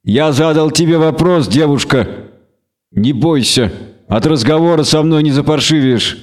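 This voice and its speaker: A stern monster hunter speaks in a cold, measured tone, as a male narrator reads him. His words are deliberate and unhurried, with little warmth. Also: fairly high pitch, voice pushed up, natural voice.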